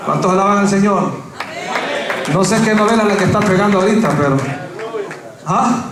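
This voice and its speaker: High-pitched shouting preacher in an echoey church. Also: male voice, brisk, a crowd in the background. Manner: preaching, often shouting with rising intensity; tells stories with acted quotes and audience questions. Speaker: pastor. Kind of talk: sermon. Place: church sanctuary. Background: congregation responding.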